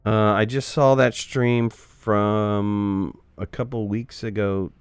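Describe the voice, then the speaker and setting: A man's voice: lowish voice, fairly even intonation, slow pace, clear, resonant tone, no room sound, soft background music. A man chatting casually with his viewers while he streams a game, joking around and answering chat.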